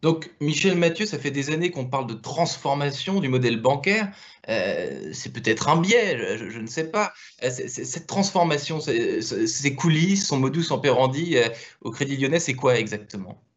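A man hosting a business interview over a video call, his voice of middling pitch. He asks his questions in a hesitant way, full of fillers and restarts. The sound comes through dull, muffled video-call audio. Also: animated, moderate pace. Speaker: interviewer, show host.

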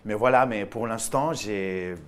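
A man's voice: fairly low pitch, measured pace, smooth. Spanish-accented man answering questions. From Spain. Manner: animated, restarts phrases, laughs easily. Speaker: actor guest. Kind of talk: interview answers.

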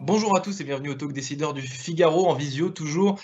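Hesitant French interviewer, dull audio. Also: male voice, a little high, fast talker, over loud music. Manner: hesitant, stacks fillers and repeated words. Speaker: interview host. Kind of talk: video-call interview.

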